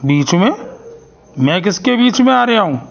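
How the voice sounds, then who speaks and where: Guy voicing a grumpy cartoon principal, deep gravelly bark, kinda muffled lo-fi sound. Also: big pitch swings, normal speed, full character voice. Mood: scolding. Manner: scolding, threatens to fire staff. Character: stern bossy male school principal.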